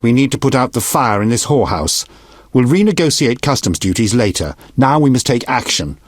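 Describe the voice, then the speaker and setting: A man's voice: mid-range voice, expressive, fairly quick, no room sound, studio quality, lightly acted. An actor playing a blunt, foul-mouthed, commanding middle-aged king in a fantasy video game, speaking with regal authority. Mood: angry, exasperated. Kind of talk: video game character dialogue.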